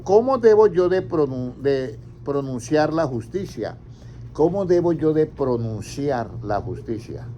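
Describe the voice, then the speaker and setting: A pastor with a slightly high, dark-toned voice delivers an interactive sermon, repeatedly putting questions to his congregation and answering them himself. The recording sounds a bit dull, with faint background noise.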